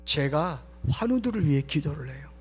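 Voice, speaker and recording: High-voiced man preaching in a hall. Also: lively intonation, moderate pace, slightly rough, soft background music. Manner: emphatic preaching, drops to whispers for stress. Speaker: pastor. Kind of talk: sermon at a late-night prayer meeting. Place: church sanctuary. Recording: long church hall reverb.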